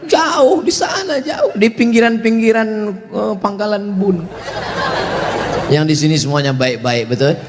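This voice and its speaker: In a reverberant hall with faint ambience and some background noise, a male Islamic preacher with a high voice gives a humorous sermon to a large evening gathering. Unhurried and pausing often, he jokes, acts out voices and asks the crowd for replies.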